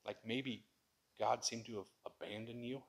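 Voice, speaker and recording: A man's voice: medium pitch, fairly even intonation, unhurried, gravelly, breathy edge. Man preaching a conversational sermon. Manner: conversational preaching, swings to loud impassioned lines. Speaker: pastor.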